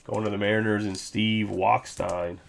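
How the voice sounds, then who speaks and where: Gravelly, low-voiced card break host. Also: male voice, little pitch movement, normal speed, slight background noise. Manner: loose, joking, reads off card names. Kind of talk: casual live-stream recap.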